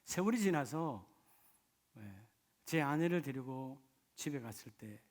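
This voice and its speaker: A middle-aged male pastor from the Gyeongsang region preaching a sermon in a church, moving between soft personal storytelling and loud, fervent exhortation. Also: medium pitch, expressive, a little slow. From Gyeongsang region, Korea. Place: church sanctuary.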